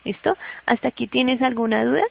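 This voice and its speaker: A woman teaches a class, explaining each step patiently and pausing often to check that her student follows. Her voice has a gravelly, fry-tinged edge. The recording sounds dull and lo-fi. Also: on the high side, fairly even intonation. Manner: patient, keeps checking understanding. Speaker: English teacher.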